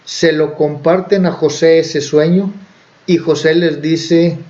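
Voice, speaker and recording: A man's voice: on the high side, steady tone, takes it slowly, mellow. A man preaching, who retells a Bible story in a conversational way with fillers and self-corrections. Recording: dull lo-fi recording.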